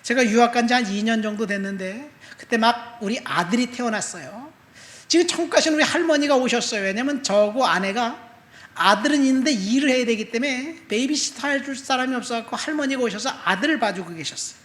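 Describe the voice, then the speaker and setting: A middle-aged male pastor preaching a sermon, telling a personal testimony and moving between soft asides and loud emphatic appeals. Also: very high voice, a little fast. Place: church sanctuary. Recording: echoey church room.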